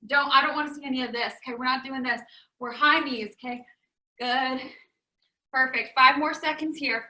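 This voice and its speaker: A woman's voice: high-pitched, sharp tone. A young woman leading a home workout class, cheerfully coaching moves and counting down while slightly out of breath. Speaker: fitness instructor. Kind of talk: guided workout instruction. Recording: echoey room.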